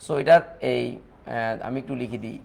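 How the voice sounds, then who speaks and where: Mid-range and a little mellow, with vocal fry, a Bangladeshi-accented man delivers a chemistry lecture. His teaching talk is quick and repetitive, restating key points and slipping English phrases in.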